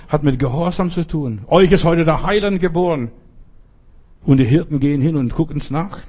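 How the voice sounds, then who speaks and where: A man's voice: on the high side, warm tone, slightly rough. A man preaching a sermon in an earnest, emphatic manner and retelling stories.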